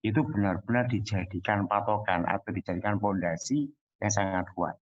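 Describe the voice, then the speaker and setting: A man's voice: lowish voice, moderate pace, no echo, dull audio. Man on a breaking-up call line. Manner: earnest, rambling sharing with many fillers. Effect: choppy call audio that keeps breaking up. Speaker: caller in an online business meeting.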